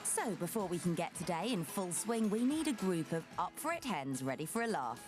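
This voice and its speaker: A woman reads promotional narration with a playful, presenterly delivery. Her voice is fairly low but very animated, with music clearly underneath. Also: a little fast.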